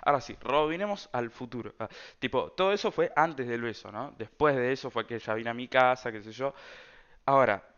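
A man's voice: mid-range voice, fairly quick, a bit bright, clean tone, lo-fi sound. A man with an Argentine Rioplatense accent telling a personal story in a casual, rambling way, full of slang and fillers. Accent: Argentine Rioplatense Spanish. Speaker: storyteller vlogger.

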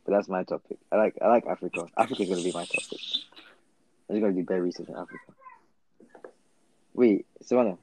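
A man's voice: deep voice, fast talker, pauses often, a little mellow, slight background noise, low-quality recording. A young man with a London roadman accent chatting casually in slang, often repeating his phrases. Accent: London, urban roadman slang. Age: young adult. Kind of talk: casual group chat.

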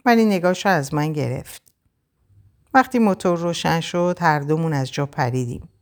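A woman reading a first-person novel aloud as an audiobook, in an expressive, measured manner. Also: deep voice. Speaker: audiobook reader.

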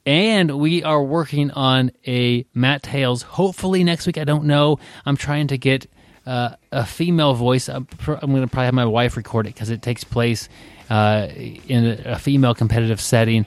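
A man's voice: mid-range voice, steady tone, moderate pace, no room sound. Rambling male podcast host. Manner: rambling, many fillers and restarts. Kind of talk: casual podcast chat.

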